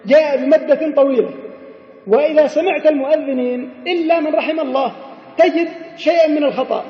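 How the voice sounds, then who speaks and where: A man giving a religious lesson on the call to prayer, explaining mistakes and chanting drawn-out examples, with an occasional chuckle. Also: very high voice. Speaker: sheikh teaching the call to prayer. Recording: echoey hall, dull lo-fi sound.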